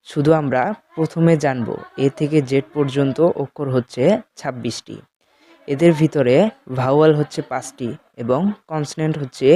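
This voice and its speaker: A man teaching beginners in a slow, explanatory way with a Bengali accent, talking directly to his students. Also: medium pitch, warm tone. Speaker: English teacher. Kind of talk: spoken lesson.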